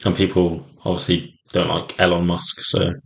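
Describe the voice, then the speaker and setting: A man with an English accent co-hosting a football podcast, talking in quick, offhand casual chat. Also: low-pitched, level tone, gravelly, poor audio. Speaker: podcast co-host.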